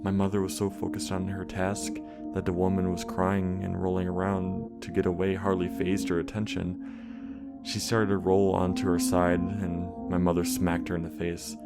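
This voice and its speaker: Low gravelly dude reading a creepy horror story, steady and measured, music playing under him. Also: male voice. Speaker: narrator. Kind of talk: scripted horror story narration.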